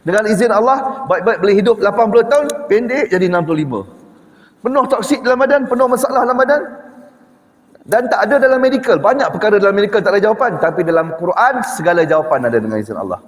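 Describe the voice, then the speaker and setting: Animated preacher in echoey hall. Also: male voice, high voice, quick pace. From Malaysia. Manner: animated, rhetorical questions to the audience. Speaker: mosque lecturer. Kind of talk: evening mosque lecture. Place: mosque prayer hall. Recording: echoey mosque hall reverb.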